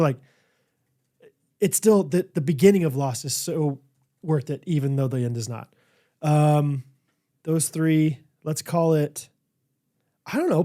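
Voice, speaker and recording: A man co-hosts a podcast in loose, casual chat. He rambles and restarts as he goes. His voice is slightly high and mellow. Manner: rambling, trips over his words. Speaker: podcast co-host.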